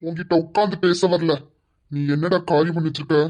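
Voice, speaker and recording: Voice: medium pitch, fairly even intonation, brisk, darkish tone, lightly acted. A voice actor playing an angry betrayed father. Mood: accusing. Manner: accusing, demanding.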